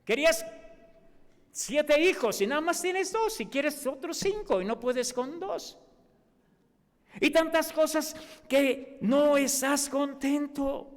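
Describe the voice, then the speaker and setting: A Mexican pastor preaching with a very high, bright voice that rises and falls as he acts out the people he quotes. His sermon rings through a church hall with a long trailing reverb. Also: expressive, slow pace. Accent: Mexican Spanish.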